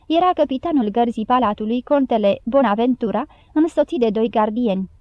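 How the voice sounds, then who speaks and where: A woman narrating an audiobook in a measured, even storytelling manner. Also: a little high, no room sound, highs cut off.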